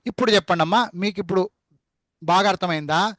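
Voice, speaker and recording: A male teacher giving an online class lesson, repeating syllables slowly to drill spelling and fondly calling his students amma and nanna. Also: high-pitched, fairly bright tone, dry recording. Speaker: spoken English teacher.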